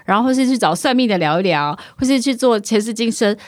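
A woman, co-hosting a podcast and sharing thoughtful reflections, often pausing on fillers. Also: on the high side, no echo, studio quality. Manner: reflective, listens with steady murmurs, halting with fillers. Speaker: podcast co-host. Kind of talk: casual chat.

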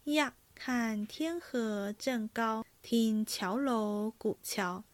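A woman voicing a refined young male opera actor, reciting in a slow, measured way. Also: on the high side, dry recording.

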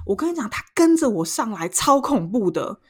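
A young woman with a Taiwanese Mandarin accent, co-hosting a podcast and telling a story in a casual, lively way, acting out voices as she goes. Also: a little high, normal speed, breathy edge. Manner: animated, acts out voices in her story. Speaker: podcast co-host.

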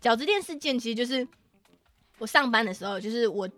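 A woman with a Taiwanese Mandarin accent, telling stories in a casual podcast chat, animated and swearing freely. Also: on the high side, fast talker, dry recording, faint music behind. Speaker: podcast co-host.

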